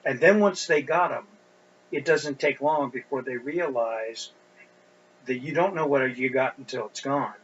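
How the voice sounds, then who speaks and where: Slow, deliberate middle-aged pastor preaching. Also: male voice, medium pitch. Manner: deliberate, with emphatic rising stresses. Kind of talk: expository sermon. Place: church sanctuary. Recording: dull lo-fi recording with faint hum.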